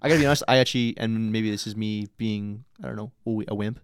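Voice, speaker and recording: Young man, casual chat, rambling, laid-back, quick talker, dry close sound. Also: on the low side, fairly even intonation, clear, resonant tone, no echo.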